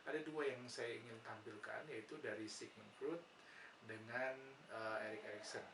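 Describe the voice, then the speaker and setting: Here a man with an Indonesian accent gives an explanatory nursing psychology lecture in a mid-range voice, keeping a moderate pace and fairly even intonation. He patiently answers his own questions and leans heavily on "ya." Captured from a distance, the audio is roomy and noisy.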